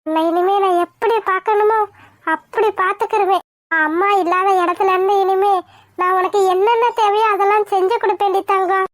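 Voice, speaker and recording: A fussy old cartoon grandmother scolds and pleads through tears, voiced by a woman. Her voice sits strikingly high and shrill. The sound is dry and close. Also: fairly even intonation, brisk, dry recording. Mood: pleading. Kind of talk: cartoon voice acting.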